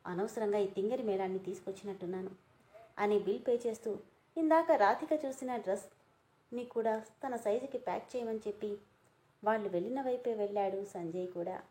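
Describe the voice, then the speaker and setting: Woman reading a story, dark mellow voice. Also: on the high side, normal speed. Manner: reads all the dialogue in her own voice.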